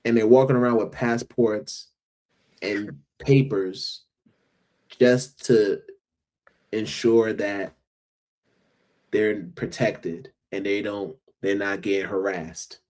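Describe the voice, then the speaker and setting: A man with an American accent, a guest educator on a podcast, speaking in an earnest, measured way. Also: fairly low pitch, fairly even intonation, darkish tone. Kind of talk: casual podcast chat.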